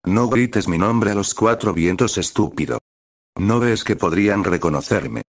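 A man voicing a hot-tempered, protective older sister who scolds and shouts. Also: fairly low pitch, expressive, unhurried, no room sound, studio quality. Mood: brash.

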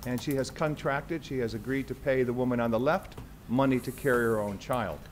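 An older man with an American accent giving a formal conference lecture, speaking in measured, halting short phrases. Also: medium pitch. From United States. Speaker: conference speaker, head of a bioethics organization. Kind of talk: formal lecture, pausing for translation. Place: large conference auditorium. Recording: noisy lecture hall ambience.

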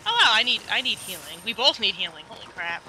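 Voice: mid-range voice, sing-song, quick pace, pushed and bright, poor audio. A let's play co-host in casual gameplay banter, giggly, playful and self-mocking. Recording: home gaming recording with clear background noise.

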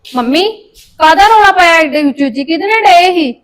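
A woman playing a quick, impatient young daughter. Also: very high voice, lively intonation, a bit bright. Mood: irritable. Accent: Punjabi. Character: brisk, irritable young daughter busy with farm chores.

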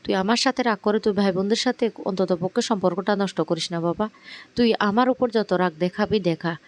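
A man's voice: high-pitched, quick pace, lightly acted. A man voicing a hurt, stern middle-aged mother who speaks with firm, emotional reproach. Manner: pleading then stern.

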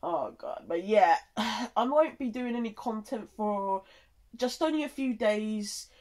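A content creator giving a casual, halting and rambling update, sounding tired and nasally congested from a cold. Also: mid-range voice, expressive, darkish tone.

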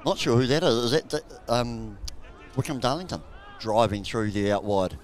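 A man with a New Zealand accent calling a live rugby match outdoors, chatty and jokey, bursting into excited shouts at big plays. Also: mid-range voice, normal speed. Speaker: rugby commentator. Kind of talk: live sports commentary.

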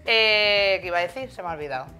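A woman's voice: medium pitch, expressive, fast, pushed and bright, soft background music. A woman with a Spanish accent hosting a live show, chatty and self-mocking. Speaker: host. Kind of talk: casual live show chat.

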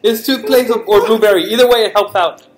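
A young man chatting casually and excitably while taking part in a gross jelly bean eating challenge. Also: high voice, quick pace. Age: young adult. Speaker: challenge contestant. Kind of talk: casual chat. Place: large indoor common room. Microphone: camera mic, a little way off. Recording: noisy room, off camera microphone.

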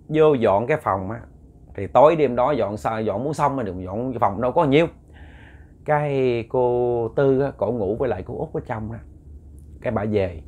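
A man's voice: mid-range voice, a little mellow. Man, Southern Vietnamese accent, ghost story narration, rambling, repeats words, talks to listeners. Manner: addresses listeners directly.

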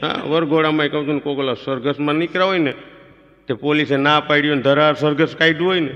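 A male stand-up comedian, telling a comic story in a folksy, animated way. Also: a little high, fast talker, highs cut off. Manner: folksy, animated, playing to the laughs. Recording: live hall reverb.

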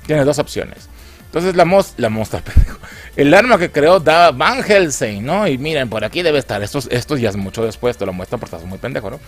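A man's voice: medium pitch, lively intonation, brisk, faint music behind. A man giving casual, swearing, laughing commentary as a film trailer reviewer.

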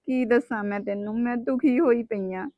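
A woman's voice: on the high side, normal speed, no echo, narrow, tinny audio, lightly acted. A woman playing an unhappy young wife with three daughters who pours out her troubles in a plaintive, complaining manner. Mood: sorrowful. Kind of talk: web drama acting.

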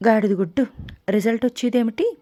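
A woman's voice: on the high side, brisk, dry recording, studio quality. Woman voicing an eager chatty younger sister. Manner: excited, chatty, a bit haughty.

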